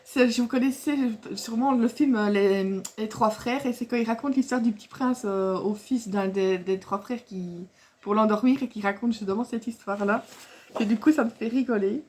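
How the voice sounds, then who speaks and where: Chatty rambling woman, slightly high voice. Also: moderate pace, darkish tone. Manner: rambling and chatty, with many fillers and restarts; laughs often while talking. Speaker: scrapbooking vlogger showing a craft haul. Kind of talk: casual chat to camera.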